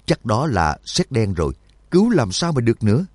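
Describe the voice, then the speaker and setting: A man voicing a frightened companion who mutters quickly in a hushed, despairing tone. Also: medium pitch, big pitch swings, slightly rough, no echo, studio quality.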